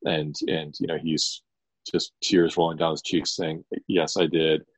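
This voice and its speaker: A man's voice: very deep voice, level tone, a little slow, breathy edge, no echo, rough recording. A man co-hosting a podcast, retelling a story at length with frequent ums and restarts. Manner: rambling storyteller, many ums. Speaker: podcast co-host, attorney. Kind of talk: casual podcast chat.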